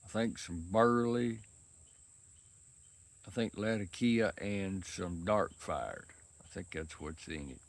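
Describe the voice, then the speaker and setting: A tired man rambles along in an unhurried, folksy drawl, his low voice rough with gravel. He talks casually to the camera outdoors on a windy day, insects chirping around him. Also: no room sound. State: worn out and sweaty from work. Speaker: pipe-smoking vlogger.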